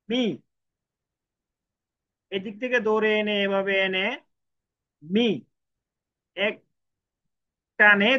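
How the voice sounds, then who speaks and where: A man teaching how to write Japanese characters, repeating each stroke step by step. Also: high voice. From Bangladesh. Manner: repetitive, counts out each stroke. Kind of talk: step-by-step writing lesson. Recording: dull lo-fi recording.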